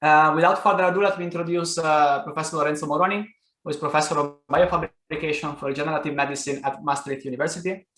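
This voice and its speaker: A man's voice: fairly high pitch, fairly even intonation, fast, fairly bright tone, reverberant. A man hosting a webinar session, going through housekeeping and introducing the keynote, with frequent uhs. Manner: frequent uh fillers, polite. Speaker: session host.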